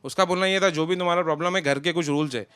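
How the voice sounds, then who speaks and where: A young man talks casually as an interview guest, running one thought into the next. His voice is smooth and slightly high. It sounds close and dry, with no room around it. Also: very fast, dry recording. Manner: relaxed, talks in loose run-on sentences. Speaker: interview guest, friend of a contestant.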